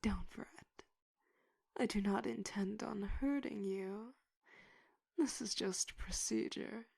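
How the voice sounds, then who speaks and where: A woman's voice: medium pitch, darkish tone, dry recording, studio quality. Woman acting a whispering tough-cop detective, whispered role-play. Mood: coolly reassuring. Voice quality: breathy, whispery. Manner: slow, deliberate, intimidating tough-cop manner. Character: tough cop, stern condescending detective interrogating a witness.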